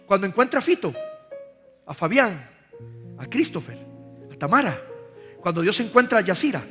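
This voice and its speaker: A man's voice: sits high, fairly bright tone. A man preaching a live sermon in a church, fervently urging the congregation to repeat after him. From Costa Rica. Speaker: pastor. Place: large church sanctuary. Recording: reverberant hall with faint music.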